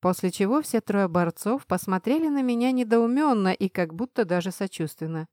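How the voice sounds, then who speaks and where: A woman narrating a fantasy audiobook in an expressive, acted reading, recorded close to the mic. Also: mid-range voice, moderate pace, dry recording.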